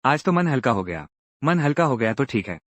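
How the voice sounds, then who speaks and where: A man's voice: mid-range voice, very animated, a little fast, a bit bright, dry recording. A man narrating a drama recap and voicing every character's lines himself, acting each one out in turn.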